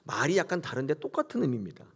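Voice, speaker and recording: Male pastor, Sunday sermon; emphatic, animated delivery, acts out quotes, leads repetition. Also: on the high side, racing, vocal fry, husky. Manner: emphatic preaching, leads congregation in call-and-repeat; acts out biblical characters in quoted voices.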